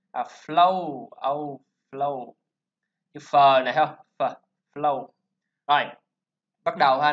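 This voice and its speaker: A man with a medium-pitched, fairly bright voice teaches English pronunciation, chatting through explanations and drilling each sound again and again. It's screen-recorded lesson talk, captured as a dull lo-fi voice recording.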